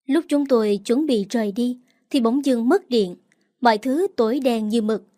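A woman narrating a first-person dramatic story in a steady storytelling voice. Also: fairly high pitch, moderate pace. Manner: steady storytelling, quoted lines acted with emotion.

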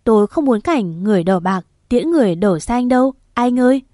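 A woman's voice: on the high side, animated, fairly quick, warm tone, no room sound, clean studio sound, natural voice. A woman voicing a grieving middle-aged mother who pleads through tears for her son's life. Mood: pleading. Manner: sobbing, pleading.

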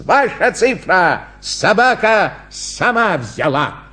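A man voicing a clumsy, flustered male circus clown who shouts shrilly at his dog, read from a storybook. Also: high voice, sing-song, takes it slowly, voice pushed up, heavily acted. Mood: showman. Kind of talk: storybook reading.

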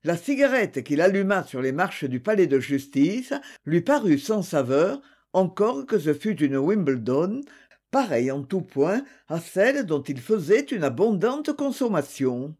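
A man narrating a novel as an audiobook in an expressive storytelling manner. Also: fairly high pitch, measured pace.

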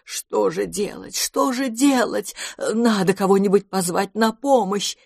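A woman voicing an anxious, dramatic male creature in a storybook reading, drawn-out and lamenting. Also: mid-range voice, darkish tone, dry recording, studio quality, close to an everyday voice. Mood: despairing. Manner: slow, wailing lament.

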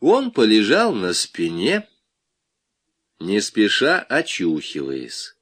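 A man reading a novel aloud as audiobook narration, expressive and lively. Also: medium pitch. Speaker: audiobook reader. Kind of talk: scripted narration.

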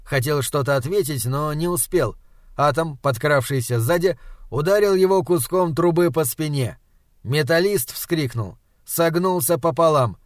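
A man's voice: fairly high pitch, dry recording, studio quality. A man reading an audiobook aloud in scripted narration, storytelling evenly and acting out the dialogue. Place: home recording setup.

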